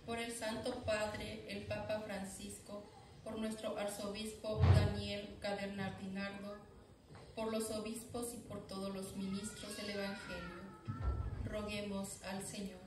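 A woman reading the prayer intentions as lector in a church sanctuary, in a steady, even reading. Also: mid-range voice, a little slow, loud music behind the voice. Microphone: far camera. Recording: echoey church from far off, background noise.

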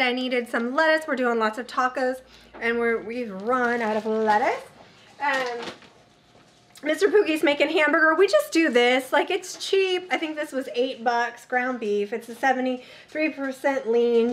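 A woman in her thirties with a high voice talks through a grocery haul in her home kitchen. She is chatty and excitable and breaks into sudden squeals. Faint noise sits behind her. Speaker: vlogger. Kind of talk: casual grocery haul chat.

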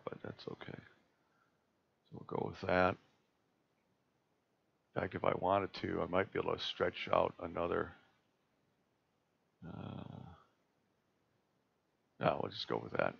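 A man presenting a live screen-share tutorial on a video call, talking in a relaxed, halting way with many fillers and restarts. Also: low-pitched, creaky, slightly rough. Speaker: astronomy club presenter. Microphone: computer mic on a video call. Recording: dull lo-fi video call audio.

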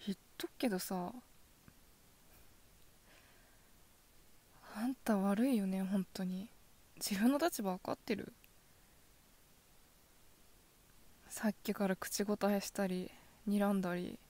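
A woman voicing a possessive yandere girlfriend in a soft ASMR role-play, sweetly coaxing with quiet menace. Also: mid-range voice, normal speed, lightly acted. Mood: possessive, menacing. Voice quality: soft, often dropping in a soft voice. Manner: yandere: sugary coaxing turning quietly threatening.

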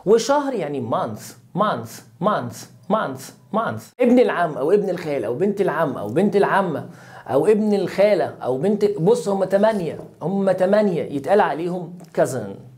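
A woman with an Egyptian Arabic accent teaching English grammar to young children. She says each English word slowly several times, then explains it briskly in Arabic. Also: fairly low pitch, sing-song, warm tone. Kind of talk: recorded grammar lesson for children.

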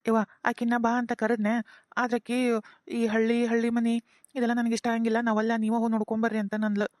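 A woman's voice: fairly high pitch, completely flat delivery, quick pace, a little mellow, no echo, clean studio sound, natural voice. A woman voicing an earnest, guilt-ridden young son with a North Karnataka accent, pleading with his parents in a cartoon. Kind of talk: cartoon voice acting.

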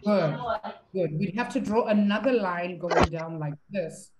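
A woman's voice: on the low side, measured pace, heavy background noise. A woman teaching a live online maths lesson, encouraging her students and reading their answers from the chat.

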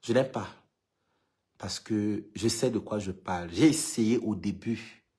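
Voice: mid-range voice, unhurried, warm tone. An LGBT activist from Cameroon with a Cameroonian French accent, talking casually to followers in an emphatic way and repeating points for stress. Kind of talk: casual vlog monologue to followers.

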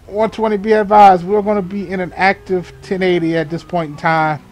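A brisk, high-sitting male voice keeps a level tone. The speaker is a gamer role-playing a sheriff's deputy on patrol, improvising radio call-outs that mix clipped procedural jargon with casual muttered asides, while game vehicle and ambient sounds run in the background.

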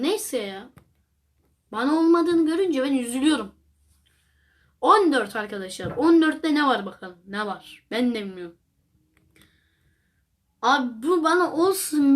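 Young woman, high voice, rambling reaction-video host, exclaims often. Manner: chatty, rambling, exclamatory, addresses viewers as friends. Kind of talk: casual reaction commentary.

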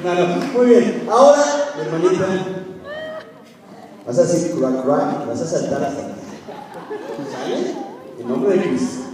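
Mexican preacher in an echoey hall. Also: male voice, high-pitched, unhurried, pauses often, distant mic. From Guadalajara, Mexico. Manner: animated, coaxing, laughing with the crowd. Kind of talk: lively sermon with audience games. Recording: echoey hall from afar with crowd.

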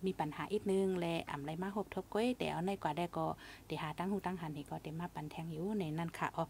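A woman talks on a radio show in a low, creaky voice, reflective and advising. A faint hiss runs underneath her. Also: fast, a little mellow. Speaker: radio host. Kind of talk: casual radio talk.

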